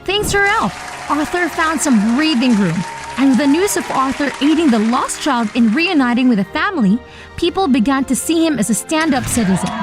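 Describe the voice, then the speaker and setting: Over background music, a woman voices the earnest young lead of an animated tale, narrating in first person with a high, swooping voice. She delivers the story and its acted dialogue in an expressive, dramatic manner.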